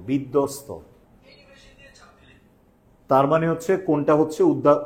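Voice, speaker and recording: A young man with a Bangladeshi Bengali accent teaches an admission-exam grammar class online. He keeps asking the viewers questions and then answers them himself, repeating key words. His voice sits at an ordinary middle pitch for a man. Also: a little mellow.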